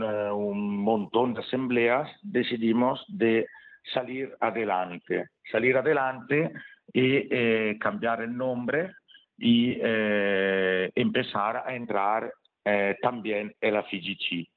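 A man with an Italian accent giving interview answers in a language that is not his own, hesitant and often searching for words. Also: fairly low pitch. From Italy, Bergamo area. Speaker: member of an amateur football club, interview guest. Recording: tinny narrow phone-like line.

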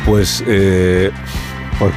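A man's voice: low voice, flat delivery, extremely slow, over music. A man hosting comedic radio banter in a conversational way, often repeating himself. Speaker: radio show host.

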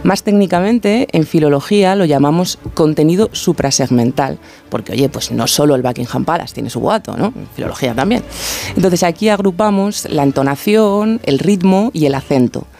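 Man, radio language contributor, fairly high voice, didactic and measured, soft music underneath. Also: lively intonation, gravelly. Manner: didactic, carefully paced explanations. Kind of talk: explanatory radio segment. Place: radio studio.

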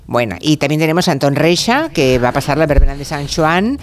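A woman's voice: deep voice, a little hiss or hum. A woman hosting a live radio panel, chatty and teasing with her guests. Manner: chatty, lively, quick to tease guests. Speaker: radio host.

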